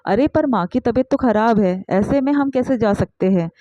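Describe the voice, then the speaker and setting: A woman plays a level-headed young husband who lays out his terms firmly and calmly. Her voice stays mellow and dry, on a dull lo-fi recording. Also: fairly high pitch, moderate pace, dry recording, natural voice. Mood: concerned. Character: calm, firm young husband and devoted son.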